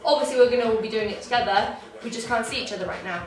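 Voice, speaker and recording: Young female dance teacher, high and bright, slightly out of breath, distant in a roomy space. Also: rapid-fire. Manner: encouraging, counts beats aloud. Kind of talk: online dance warm-up class. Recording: echoey room, distant from mic, faint music.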